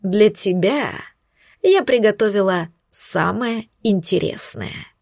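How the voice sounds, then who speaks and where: A woman voicing a scornful, smug young female witch who mocks and threatens in slow, hissing tones, recorded dry and close. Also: medium pitch, lively intonation, vocal fry, darkish tone, dry recording, full character voice. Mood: sneering. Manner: mocking, hissing, drawn-out threats.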